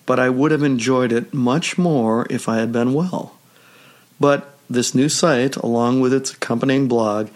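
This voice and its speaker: A podcast host speaks alone to his listeners in a solo health podcast monologue. His middle-pitched voice is rough and hoarse, left over from a cold. He keeps a steady, measured delivery with deliberate pauses.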